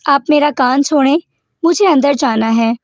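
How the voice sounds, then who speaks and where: A woman's voice: sits high, dry recording, natural voice. A woman reading the lines of a stubborn, childish young woman who pouts and pleads, in a dull lo-fi recording. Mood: sulky. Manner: pouting, pleading.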